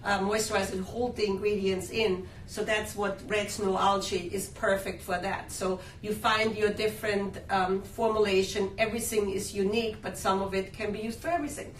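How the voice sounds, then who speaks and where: A woman's voice: mid-range voice, level tone, normal speed, few pauses. A woman hosting a live shopping-show interview, talking with lots of fillers and enthusiastic sales talk. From Austria. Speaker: skincare brand host. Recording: roomy, distant mic, faint hum.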